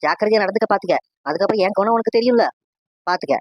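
A performer voicing a bossy, sharp-eared old village matriarch in a cartoon, with a scolding manner. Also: mid-range voice, rapid-fire, no echo, lo-fi sound, natural voice. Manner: scolding, commanding. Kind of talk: animated cartoon dialogue.

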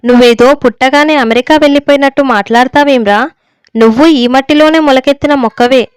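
Stern hurt old village dad scolding his son, a woman reads him in her high smooth voice, dry close sound. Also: fairly quick, dry recording, natural voice. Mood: reproachful. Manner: scolding, pleading rebukes.

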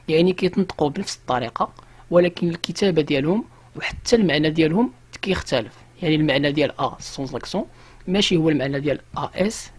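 A man with a Moroccan accent giving an online French lesson. He speaks slowly and repeats each example word by word. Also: fairly high pitch, husky. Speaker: French teacher.

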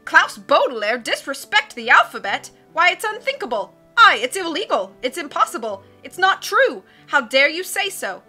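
Woman acting male submarine captain, blustering, excitable, self-contradicting, high-pitched, piercingly bright, storybook character. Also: faint music behind, heavily acted. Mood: indignant. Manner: roaring, self-contradicting, rapid changes of mind.

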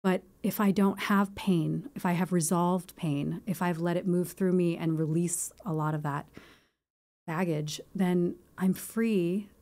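A woman's voice: lowish voice, steady tone, unhurried, a little mellow. A woman in her forties, a guest on a studio podcast, talking in a reflective, rambling way with many fillers. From born in Japan. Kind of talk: casual interview chat. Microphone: boom mic on arm.

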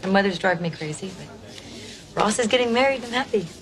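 A woman's voice: medium pitch, animated, normal speed, close to an everyday voice, poor audio. An actress playing a supportive young woman reassuring a friend at a wedding dinner. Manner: warm, reassuring. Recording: sitcom scene with audience laughter.

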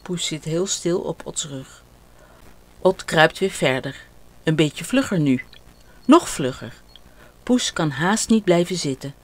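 An older woman reading a children's story aloud in a slow, clear and expressive way. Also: low voice.

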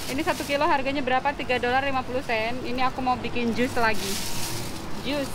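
Talking fast in a high-pitched, steady voice, a woman films herself on a handheld wide-angle camera at arm's length while shopping in a supermarket and market. She's casual, chatty, upbeat and giggly, addressing viewers as "guys," with busy store and market noise behind her.

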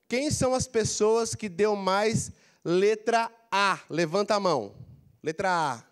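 A middle-aged Brazilian man with a handheld mic, giving an animated career coaching lecture in a large auditorium, prompting the audience to repeat phrases. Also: high-pitched, slow. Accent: Brazilian Portuguese. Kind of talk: lively motivational lecture. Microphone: handheld mic, walking the floor.

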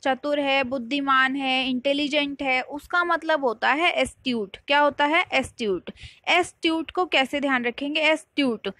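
Bright high-voiced woman teacher. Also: no echo, clean studio sound. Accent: Indian English. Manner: repeats key words and asks the viewer quick checking questions. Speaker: vocabulary teacher. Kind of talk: explanatory online lesson.

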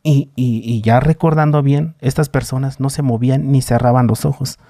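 Mexican man telling a story, dark voice. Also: medium pitch, normal speed, no echo, studio quality. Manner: animated retelling with slang and voices for others. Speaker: guest. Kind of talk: casual storytelling.

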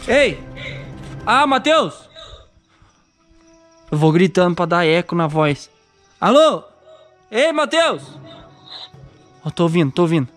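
A Brazilian man with a fairly high voice narrates a scary vlog outdoors at night, nervous and calling out to his viewers. His talk is worried and keeps reaching for his friend. Faint music plays behind him. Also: sing-song, slow pace, pauses often, fairly bright tone. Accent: Brazilian Portuguese. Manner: anxious, calling out and talking to viewers. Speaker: YouTuber. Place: outdoors at a country house at night.

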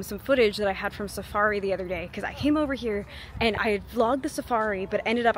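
A woman's voice: a little high, fairly bright tone. A woman vlogger chatting casually and expressively to her viewers. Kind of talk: casual vlog chat to viewers. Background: music.

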